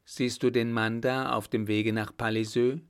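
A man voicing a confident young lieutenant in a calm, assured way, in a storybook reading. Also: medium pitch, moderate pace, smooth, lightly acted.

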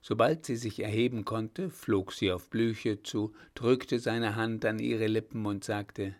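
Slow, low-voiced male storyteller. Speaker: audiobook narrator. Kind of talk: scripted narration.

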